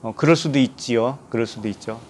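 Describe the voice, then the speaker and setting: A man's voice: mid-range voice, fairly quick. Korean male pastor preaching a sermon. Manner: asks the congregation questions and reads scripture aloud.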